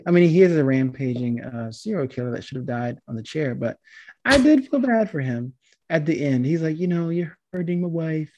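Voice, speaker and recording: A man's voice: medium pitch, sing-song, a little fast, a little mellow, dull audio. A man chatting casually about a film he just saw, hesitant and meandering, with many ums and restarts. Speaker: movie review co-host. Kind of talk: casual chat.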